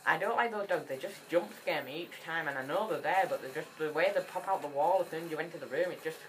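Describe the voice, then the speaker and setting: Female gamer, low register, chatty and excitable commentary. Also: quick pace, a little hiss or hum. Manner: chatty and excitable, rambling with frequent restarts. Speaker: gaming channel host. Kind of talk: casual gameplay commentary.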